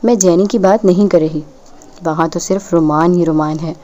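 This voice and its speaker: A woman's voice: fairly low pitch, fairly even intonation, mellow, dull audio, lightly acted. Madam C, a woman playing a teasing older landlady. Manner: teasing, sly.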